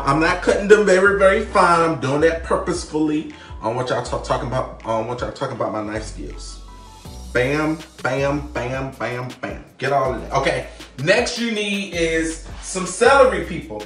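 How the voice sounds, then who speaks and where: A man's voice: a little high, fairly bright tone. A man hosting a casual live cooking demo in his home kitchen, chattily greeting viewers by name and punctuating his steps with "bam.". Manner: chatty, keeps calling out to viewers by name, says "bam" and "people". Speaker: home cooking show host. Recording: roomy kitchen, distant mic, faint music.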